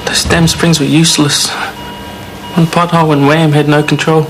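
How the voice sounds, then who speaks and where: A man's voice: a little high, flat delivery, normal speed, close to an everyday voice. An actor with a broad New Zealand accent playing an earnest, guilt-ridden young man in a TV soap. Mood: rueful, reassuring. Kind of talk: naturalistic TV soap acting. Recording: noisy TV soap scene.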